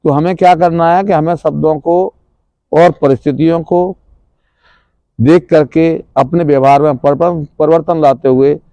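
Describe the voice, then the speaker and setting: Guy teaching a class, keeps asking questions then answering, highish voice, mellow, dry sound. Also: fairly even intonation, a little slow, smooth, dry recording, lo-fi sound. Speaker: trainer at a rural self-employment institute. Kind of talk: classroom lecture.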